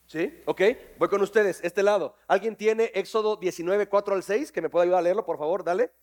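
A man preaching a sermon to his congregation, lively and jokey, quizzing people on verses. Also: high-pitched, a little fast. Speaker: pastor. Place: church hall with congregation.

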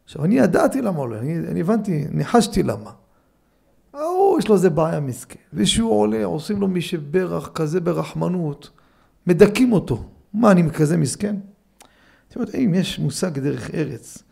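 A middle-aged man, a rabbi, giving a Torah lesson in a study hall, mixing teaching with animated, humorous anecdotes. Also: high-pitched, vocal fry, husky. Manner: animated storyteller, acts out scenes with humor.

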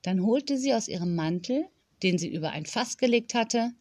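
A woman reads a children's story aloud in a lively narrating voice, fairly high for a woman. The recording is close and dry, with no room sound. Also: moderate pace, no room sound. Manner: lively, plays the characters. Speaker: audiobook reader.

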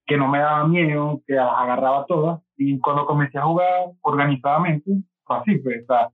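A man's voice: fairly high pitch, brisk. A Venezuelan man, a podcast guest, telling his story in a rambling, casual way with many fillers and restarts. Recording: tinny phone-like line.

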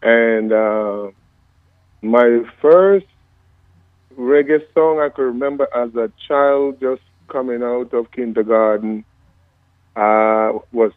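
A man's voice: mid-range voice, no echo. Guyanese man on a tinny phone line. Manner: devout, thankful, unhurried. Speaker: reggae singer, phone-in guest. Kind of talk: relaxed storytelling interview.

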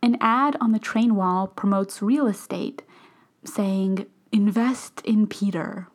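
A woman reading a first-person story aloud, often slipping into a soft whisper. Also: mid-range voice, slow. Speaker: narrator.

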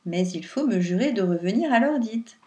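A woman's voice: medium pitch, lively intonation, moderate pace, mellow, far from the mic, close to an everyday voice. A woman voicing Pierrot, a cheeky farm boy who talks in a gleeful, mocking way in a storybook tale. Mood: bargaining.

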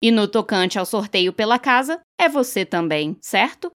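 A woman reading aloud and voicing a calm male village official who explains things gently. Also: mid-range voice, moderate pace, voice pushed up, natural voice. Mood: measured. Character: calm middle-aged male official running a village draw.

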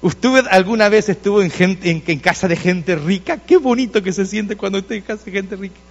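Male pastor, high-voiced, storytelling sermon, insistent repetition, echoing church. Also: normal speed, gravelly, highs cut off. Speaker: Adventist pastor.

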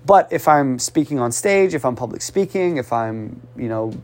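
In a mid-range voice at normal speed, a male speech coach casually talks over his methods. Animated and urging, he repeats himself for emphasis, sighs audibly between phrases, and raises his voice sharply when encouraging the listener.

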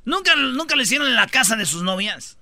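A man's voice: very high voice, sing-song, brisk, sharp tone. A man with a Mexican accent hosting a comedy radio show, bantering over news items in a slangy, jokey way.

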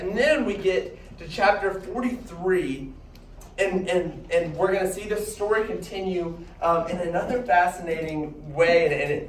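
Higher-voiced man teaching in a roomy space. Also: slight background noise. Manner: chatty retelling with frequent restarts and fillers. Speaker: Bible teacher. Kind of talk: casual Bible teaching. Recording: roomy echo, distant mic, faint ambience.

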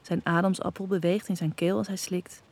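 Mellow woman narrating an intimate audio story. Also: fairly low pitch, flat delivery, a little fast, vocal fry. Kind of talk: first-person erotic audio story narration.

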